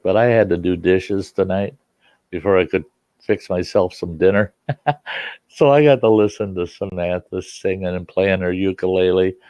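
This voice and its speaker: With a deep, slightly mellow voice and a bit of a stuffy nose, a man 60s or older rambles folksily through memories while hosting a livestream from home as a storyteller. The recording is dry.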